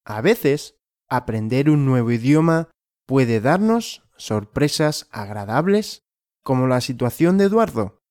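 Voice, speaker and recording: A male language teacher telling a simple story, asking and answering his own questions slowly and clearly. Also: medium pitch, sing-song, a little mellow, dry recording, studio quality.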